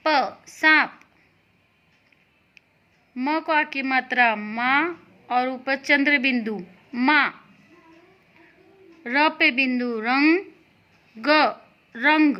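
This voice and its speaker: A woman teaches small children, spelling out each sound with patience. Her voice is high and bright, and she keeps a slow, steady pace. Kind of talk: classroom lesson for young children.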